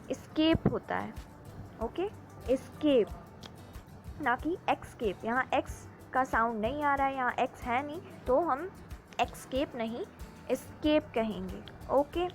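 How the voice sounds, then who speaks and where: A woman with a high, bright-pitched voice leads a pronunciation lesson at an unhurried, deliberate pace. She quizzes the listener on each word, corrects it and drills it with repetition, with soft music playing underneath. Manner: drills words, asks and corrects, mixes Hindi and English. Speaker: English pronunciation teacher.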